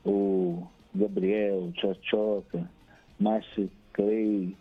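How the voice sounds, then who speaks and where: Over a tinny, crackling phone connection that keeps cutting out, with faint music in the background, a Brazilian caller gives casual shout-outs on a radio show. His fairly low voice is slightly rough and flat, with drawn-out words. Still, he chats cheerfully, laughs a lot and reels off long strings of names.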